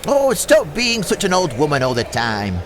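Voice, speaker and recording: Brash boyish stage comic, high-pitched, hissy recording. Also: male voice, huge pitch swings, normal speed. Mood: scolding. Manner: brash, showy, rolling alliterative verse. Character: cheeky boyish comic partner Little Jimmy.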